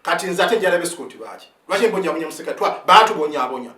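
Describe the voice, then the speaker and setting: High, rapid-talking soldier in his fifties. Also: expressive, bright, forceful tone, recorded from a distance. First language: Luganda. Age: 50s. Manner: keeps asking "eh?" of listeners, stumbling restarts; switches between Luganda and English phrases. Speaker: army sergeant. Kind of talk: impassioned spoken account. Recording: roomy sound, set back from the mic.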